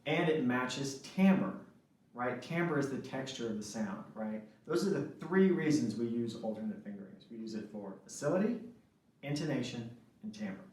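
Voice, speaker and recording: A man teaches saxophone fingerings in an instructional lesson, often pausing to ask "right?". His voice sits at an ordinary middle pitch. The recording is heavily echoey, with the mic set back from him. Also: lively intonation, darkish tone. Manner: explanatory, frequent "right?" checks. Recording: echoey room, mic at a distance.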